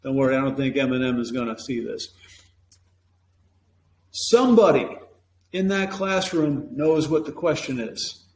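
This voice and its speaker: A male teacher and presentation coach gives an emphatic, opinionated lesson to camera from a classroom, now and then acting out classroom phrases in a bright higher voice. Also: animated, a little slow, pauses often. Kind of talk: instructional talk to camera. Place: classroom with a whiteboard. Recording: echoey room with faint hum.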